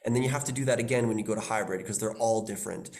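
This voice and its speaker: A man's voice: on the low side, very fast, darkish tone. A man language instructor giving advice in a webinar, often repeating words as he searches for phrasing. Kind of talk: webinar presentation.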